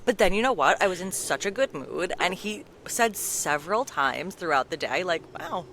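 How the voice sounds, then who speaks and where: A woman's voice: fairly low pitch, normal speed, slight background noise. Chatty young woman podcast co-host. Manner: chatty, animated storyteller, acts out voices. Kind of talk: casual chat. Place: outdoors with birds and traffic.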